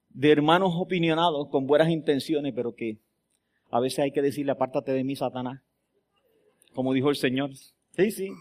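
High-voiced preaching pastor, man. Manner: swings from loud emphatic preaching to quiet storytelling; asks the congregation rhetorical questions. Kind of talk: sermon.

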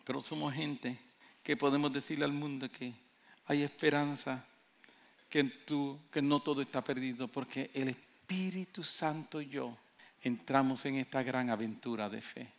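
A man's voice: mid-range voice, fairly even intonation, normal speed, creaky. A man preaching a sermon with passion, telling stories and acting out the people in them. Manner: impassioned preaching, rising to near shouts; acts out quoted voices in storytelling. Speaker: pastor.

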